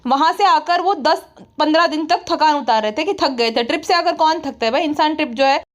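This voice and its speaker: A woman with a high voice delivering mocking parody commentary. She talks in a chatty, sarcastic way and scolds often. The delivery is playful and teasing. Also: fairly quick. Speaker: comedy commentator.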